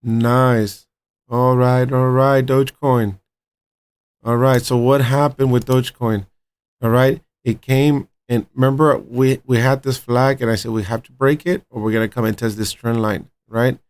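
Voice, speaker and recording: A man's voice: medium pitch, steady tone, a little slow, darkish tone, smooth. A man hosting his own trading channel, talking viewers through charts and checking in with them often. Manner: upbeat, repeats "all right" and "right" as check-ins; talks straight to viewers as "my friends" and "guys". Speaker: crypto trading channel host. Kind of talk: live chart analysis commentary.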